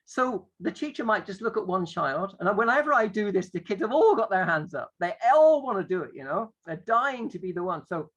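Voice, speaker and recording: Husky-voiced man explaining a drama lesson. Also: sits high, sing-song, brisk, hardly any pauses, a bit bright, poor audio. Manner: conversational, playful, often acts out what the teacher says. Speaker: drama educator. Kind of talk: explaining a classroom drama exercise.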